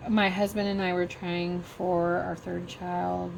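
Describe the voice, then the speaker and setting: A middle-aged woman vlogger slowly telling a personal story while crafting, halting and emotional. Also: fairly low pitch, flat delivery, creaky, a little hiss or hum.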